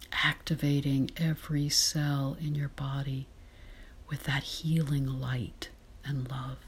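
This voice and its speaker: A woman guides a meditation in a soft, breathy whisper. Her voice sits very low and drifts along at an unhurried pace. The tone is husky and airy, calm and soothing throughout.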